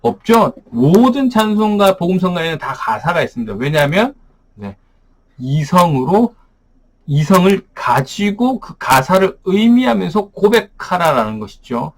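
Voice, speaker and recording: A man's voice: sits high, big pitch swings, a little slow. A man teaching as a pastor, explaining Bible verses in a daily study, asking rhetorical questions and often saying "ne".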